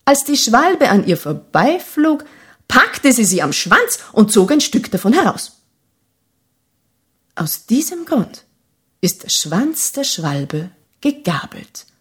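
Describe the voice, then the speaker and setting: A woman telling a fable at an unhurried pace. Her voice swings widely in pitch and sometimes sinks to a whisper. The tone is soft and husky. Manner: expressive, unhurried, with whispered passages. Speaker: storyteller. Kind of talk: fable read aloud.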